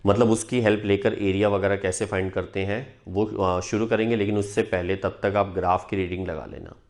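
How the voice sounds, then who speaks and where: A man's voice: fairly low pitch, level tone, brisk. A man teaching a math lesson at a board, often stopping to check that students follow. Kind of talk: whiteboard lesson.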